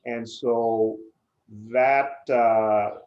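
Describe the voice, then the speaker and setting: A man from Puerto Rico, a native Spanish speaker, answering interview questions thoughtfully with many filler pauses. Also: medium pitch, steady tone, highs cut off. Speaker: interview guest, PR agency CEO.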